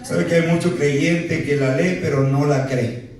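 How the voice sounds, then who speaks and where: Man, pastor preaching a sermon, slightly high voice, talks from far off the mic. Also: fairly even intonation, measured pace, darkish tone. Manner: peppers speech with "¿verdad?" and playful asides. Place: church sanctuary. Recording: very echoey hall, voice from far off.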